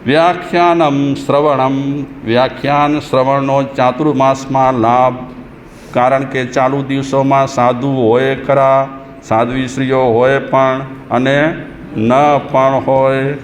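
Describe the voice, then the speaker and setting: A man's voice: mid-range voice, flat delivery, takes it slowly. A man, a Jain monk, giving a sermon in a conversational, humorous way and chanting verses in between. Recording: echoey hall with faint noise.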